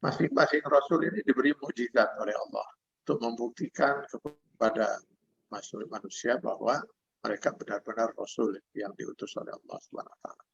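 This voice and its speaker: A man's voice: mid-range voice, a little fast, gravelly, slightly rough. An older man with an Indonesian accent, preaching a sermon over a video call, reciting Arabic verses and then explaining them. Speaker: Islamic preacher. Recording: dull lo-fi video call audio.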